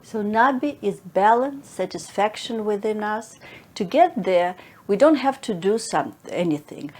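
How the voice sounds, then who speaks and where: Gentle woman teaching meditation. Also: mid-range voice, lively intonation, a little slow, a little hiss or hum. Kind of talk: explanatory meditation talk.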